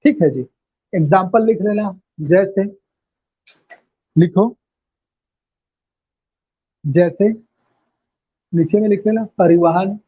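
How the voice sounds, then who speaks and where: Male teacher, high husky voice, drills points with repeated questions, tinny phone-like audio. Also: slow, long pauses. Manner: repeats key phrases and quizzes students with questions. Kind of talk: online class lecture.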